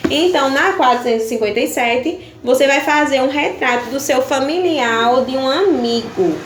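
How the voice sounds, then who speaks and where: Woman, primary school teacher, from Brazil, patient explanations, slightly high voice, echoey room, faint background hiss. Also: moderate pace. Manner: patient, explanatory, tag questions after each point. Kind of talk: video lesson walking through workbook pages.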